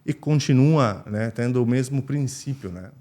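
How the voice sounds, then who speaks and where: A man's voice: medium pitch, normal speed, warm tone. A man whose first language is Italian, a company founder answering interview questions in an explanatory way, with frequent fillers and restarts.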